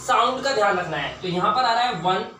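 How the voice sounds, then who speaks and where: High, bright-voiced male grammar teacher. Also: animated, faint music behind. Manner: questioning, repeats words slowly for emphasis. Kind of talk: classroom-style lesson. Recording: echoey room, distant mic, faint hiss.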